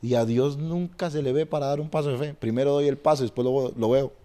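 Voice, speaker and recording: A man who is a pastor, telling stories and preaching in a lively way and often restarting his sentences. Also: medium pitch, fast. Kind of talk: animated storytelling and preaching in a podcast conversation.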